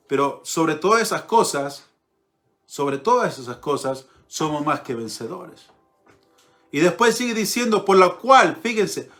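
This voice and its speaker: High bright-voiced male preacher. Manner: earnest, repeats phrases for emphasis, reads scripture aloud. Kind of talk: sermon.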